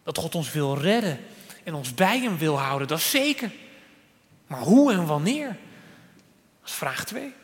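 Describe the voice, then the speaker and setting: A man delivers a sermon with a fairly high, unhurried voice. He leans hard on key words, then drops to a quiet, soft tone. The long reverb of a church hall trails after each phrase. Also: big pitch swings. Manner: earnest preaching, swings between loud emphasis and soft quiet lines. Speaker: preacher.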